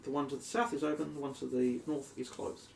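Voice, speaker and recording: A man's voice: medium pitch, little pitch movement, quick pace, vocal fry. A man with an Australian accent narrating a tabletop game as dungeon master, descriptive with many ums. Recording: echoey room, distant mic, faint noise.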